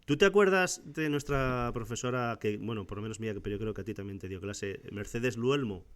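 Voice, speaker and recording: A man's voice: fairly low pitch, fairly quick. A man from Spain, co-hosting a casual podcast chat, asking questions and quoting others. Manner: chatty, asks questions and quotes others. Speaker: podcast co-host.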